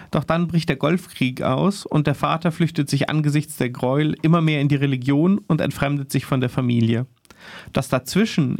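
A man presenting a book show on radio in a measured, scripted manner. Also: mid-range voice, vocal fry, darkish tone, no room sound.

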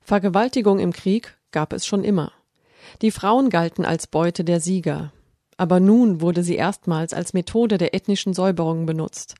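A woman's voice: on the low side, normal speed, mellow, dry recording, clean studio sound. A woman reading a scripted radio documentary narration in a sober, serious manner. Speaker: feature narrator.

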